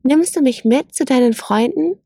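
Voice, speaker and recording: A woman's voice: high voice, moderate pace, warm tone, dry recording, studio quality, voice pushed up. A woman voicing a curious young male lion in a storybook reading, speaking earnestly in a raised voice. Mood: cheerful. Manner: earnest, open questions.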